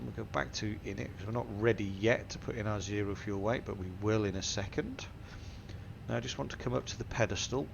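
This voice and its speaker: Stuffy from a cold, a man with a gravelly, lowish voice leads a step-by-step cockpit walkthrough for a flight sim tutorial. The recording sounds muffled, and the hum of the aircraft simulator's engine and cabin runs underneath.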